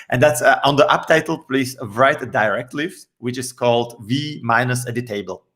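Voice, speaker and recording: A man's voice: mid-range voice, huge pitch swings, normal speed, a bit bright. A man explaining code step by step as a guest, patient and a little hesitant with many fillers. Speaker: developer guest explaining a tool. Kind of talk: casual technical explanation.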